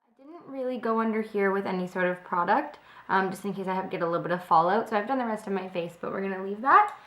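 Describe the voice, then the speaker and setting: This young woman is a beauty vlogger, slightly sick and sounding a bit off, who talks fast in a mid-range, fairly bright voice. She chats casually through a makeup tutorial with frequent ums. The close webcam records her indoors in her home kitchen by a window, and the room echoes.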